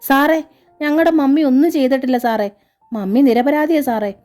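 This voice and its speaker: A woman's voice: high voice, moderate pace, a little mellow, faint music behind, voice pushed up, close to an everyday voice. A woman voicing a desperate young woman who begs officers to spare her family, read from a novel. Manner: begging, tearful urgency.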